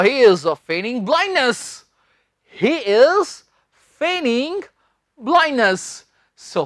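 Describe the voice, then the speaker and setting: A man teaching a spoken-English lesson, spelling words letter by letter and having students repeat them in an emphatic, drawn-out way. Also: high voice, a bit bright, dry recording, studio quality.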